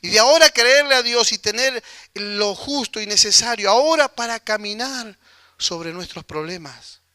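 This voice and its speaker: Bright, high-voiced Argentine male preacher. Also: moderate pace, clean tone, no echo. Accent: Rioplatense Spanish. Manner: animated, acts out voices of people in the story. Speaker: pastor. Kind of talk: sermon.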